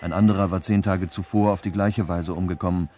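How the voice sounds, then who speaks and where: An actor playing a sober witness from the gold rush, reading dramatised recollections for a radio history feature. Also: male voice, low-pitched, fairly even intonation, a little fast, dark tone. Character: 19th-century gold-rush witness recalling events, sober. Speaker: voice actor reading quotes and translations.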